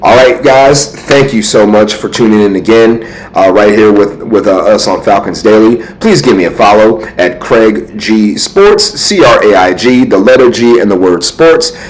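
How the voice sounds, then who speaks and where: A man's voice: lowish voice, normal speed, few pauses, low-quality recording. A man hosting a sports show, talking loosely with lots of fillers and restarts, sleepy and yawning. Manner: rambling, many fillers and restarts. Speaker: sports podcast host. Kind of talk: casual sports commentary.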